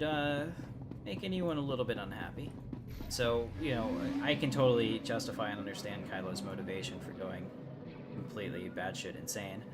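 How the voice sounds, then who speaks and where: A gaming streamer and channel host gives casual, informal commentary, thinking aloud as he plays. His voice sits on the low side, and the recording is very noisy, with loud music behind him.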